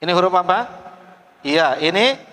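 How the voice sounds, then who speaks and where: A middle-aged man teaching Quran recitation in a class, drilling his students letter by letter and urging them to read out loud. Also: high voice, expressive, moderate pace. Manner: drills students call-and-response, coaxing them to read loudly. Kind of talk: classroom tajwid lesson. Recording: long hall reverb.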